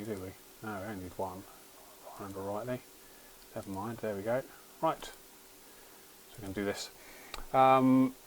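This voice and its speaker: A man's voice: lowish voice, a little hiss or hum, rough recording. A man hosting a livestream, chatting casually while he plays a game, rambling and often restarting his sentences. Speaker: livestream host.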